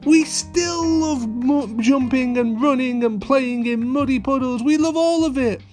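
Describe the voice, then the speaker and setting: A man's voice: very high voice, a little slow, darkish tone, voice pushed up. A man voicing a chirpy, insistent little girl pig for a children's storybook, eager and childlike, with guitar music behind him. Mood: excited, curious. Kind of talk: children's cartoon storybook read-aloud.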